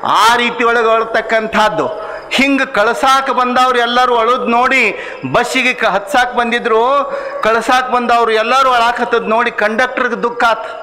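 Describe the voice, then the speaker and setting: A man's voice: very high voice, steady tone, moderate pace. A man with a North Karnataka Kannada accent preaching as a spiritual teacher, telling folksy stories and turning to the audience with rhetorical questions. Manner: addresses audience with rhetorical questions, storytelling cadence. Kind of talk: sermon with folksy storytelling. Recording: long reverb of a large hall.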